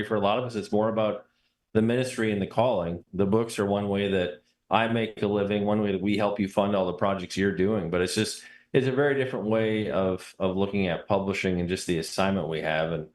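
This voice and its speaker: Low-voiced man in a roomy space. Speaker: guest, book publisher. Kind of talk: casual conversation. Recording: roomy, echoing sound.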